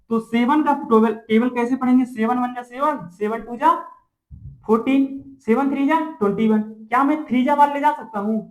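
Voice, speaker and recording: A man's voice: very high-pitched, low-quality recording. A man teaching a math lesson to a class, asking questions and answering them himself, repeating each step and checking in often.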